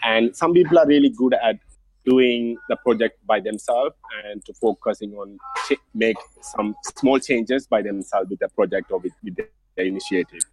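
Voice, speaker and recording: A man's voice: lowish voice, normal speed, husky, no echo, low-quality recording. A man guest in a casual online interview, talking earnestly and encouragingly in simple phrasing over a call.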